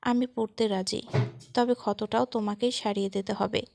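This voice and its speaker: A woman voicing a teasing young man, cocky, soft and calm, gravelly voice, dry close sound, storybook. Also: mid-range voice, normal speed, dry recording, lightly acted.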